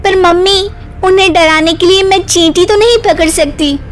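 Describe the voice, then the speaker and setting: A woman's voice: very high voice, normal speed, a little hiss or hum, pitched above the performer's own voice. A woman playing a timid, argumentative young daughter-in-law in a cartoon comedy, whining melodramatically. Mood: puzzled. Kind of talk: Hindi cartoon comedy story acting.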